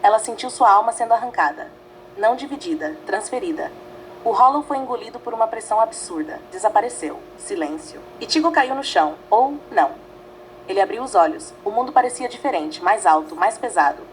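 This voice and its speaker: A woman's voice: fairly high pitch, lively intonation, a little hiss or hum, rough recording. Dramatic woman storyteller, faint ambience. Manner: dramatic, measured reading in short phrases. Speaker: narrator. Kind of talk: scripted fanfiction narration.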